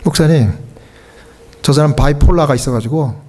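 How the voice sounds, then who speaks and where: A Korean pastor preaching in a church, his voice sitting a little higher than most men's. He tells his story conversationally and slips into the voices of the people he quotes. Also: moderate pace, background noise. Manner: conversational, acts out quoted dialogue. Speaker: pastor and hospice chaplain. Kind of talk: storytelling sermon. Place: church sanctuary.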